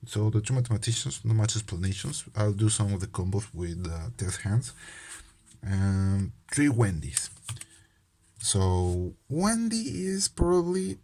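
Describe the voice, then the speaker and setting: Speaking in a very low, warm voice with lively intonation, a young man from Peru talks casually to viewers of his card game channel, with a Peruvian Spanish accent. He's a medical student who often hesitates, fills pauses and restarts sentences, in a self-deprecating way. A little hiss or hum is audible.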